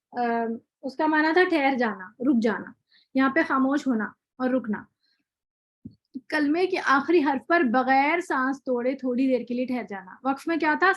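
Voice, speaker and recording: A woman's voice: sits high, fairly bright tone, low-quality recording. A woman teaching a recitation lesson in an online class, explaining rules and often checking whether her students understand. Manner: explanatory, asks students questions, slow drawn-out example words.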